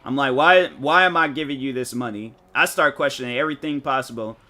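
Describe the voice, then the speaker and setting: A man streaming a game chats loosely, piling up slang as he tells a story. His voice is bright and forward, with a mid pitch. He jumps into little acted-out lines of other people as he goes. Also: fairly quick. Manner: rambling storytelling, slangy, animated, mock-quotes people. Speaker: gaming streamer. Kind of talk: casual chat while streaming a game.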